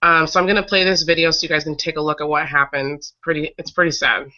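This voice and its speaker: This woman runs an online breastfeeding advocacy show and, in a casual live webcast over video call, recounts stories while getting over a cold. Her deep, bright, slightly raspy voice holds a steady tone, though she halts often, breaking off mid-sentence to regroup. Sound quality is dull, lo-fi webcast audio.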